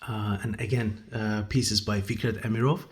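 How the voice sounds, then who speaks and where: A man from Azerbaijan with an Azerbaijani accent, speaking as an interview guest in casual, halting English and searching for words. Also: lowish voice, steady tone. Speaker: guest, musician and conductor.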